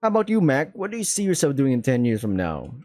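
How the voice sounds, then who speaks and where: A man casually commenting while he plays a visual novel, dropping animated, slangy asides. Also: mid-range voice, fast, no room sound. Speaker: gamer playing a visual novel. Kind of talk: casual gameplay commentary with reading aloud.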